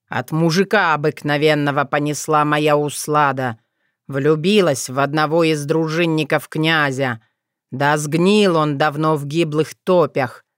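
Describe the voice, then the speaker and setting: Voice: medium pitch, a bit bright, clear, resonant tone, dry recording, clean studio sound, natural voice. A reader voicing a spiteful, half-mad old male forest spirit who snarls and gloats.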